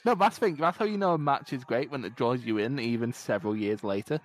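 A young Scottish man co-hosts a podcast, chatting casually while watching a match. His voice is medium-pitched and quick. He swears a lot and laughs often.

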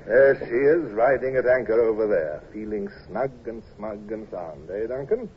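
An actor playing a measured naval commodore who also narrates, in a crisp, dry, reflective manner, in old radio drama style. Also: male voice, lowish voice, natural voice. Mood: commanding. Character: commanding British naval commodore, measured and wry. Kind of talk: 1950s radio drama acting. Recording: dull old radio recording with faint hiss.

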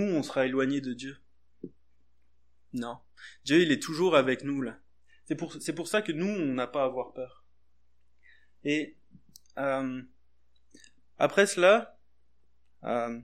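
A man preaching a sermon in a church, talking in a hesitant, conversational way with many restarts. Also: fairly high pitch. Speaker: lay preacher.

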